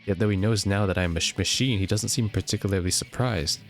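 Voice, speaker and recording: A young man reading a game's story text aloud in a steady way, sometimes joking about his own misreads. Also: deep voice, fast talker, faint music behind. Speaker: gameplay narrator.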